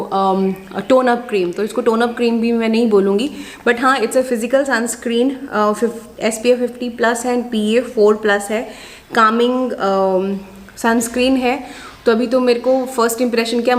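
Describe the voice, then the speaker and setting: Chatty woman vlogger, slightly high. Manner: mixes Hindi and English, many filler sounds. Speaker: beauty vlogger. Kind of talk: casual product haul chat.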